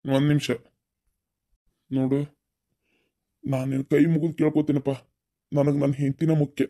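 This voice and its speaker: A man's voice: medium pitch, level tone, moderate pace, warm tone, natural voice. A man voicing a stern, reproachful older village father in a cartoon story, with a North Karnataka accent. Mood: pleading. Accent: North Karnataka Kannada. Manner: reproachful, scolding.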